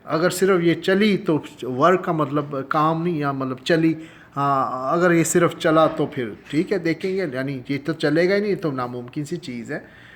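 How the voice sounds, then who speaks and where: A man from Pakistan teaching English phrases in a casual spoken lesson, explaining in Urdu and slowly stretching out each English phrase, with frequent chuckles and fillers. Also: fairly high pitch. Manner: chuckles often, conversational with many fillers.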